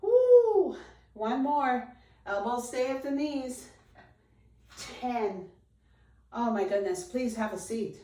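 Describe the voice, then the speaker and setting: Slow-paced woman aerobics instructor in echoey room. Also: a little high, warm tone. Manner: encouraging aerobics instructor, short commands and counts. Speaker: fitness instructor leading a chair workout. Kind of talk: aerobics instruction, counting reps and cueing form. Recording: roomy echo, distant microphone.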